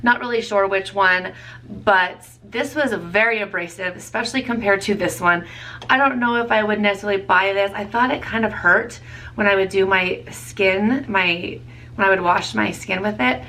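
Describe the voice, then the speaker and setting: A woman's voice: medium pitch, normal speed, pushed and bright, recorded from a distance. A woman in her thirties chatting casually as a beauty vlogger, rambling and correcting herself with small laughs. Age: 30s. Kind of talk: casual product review chat.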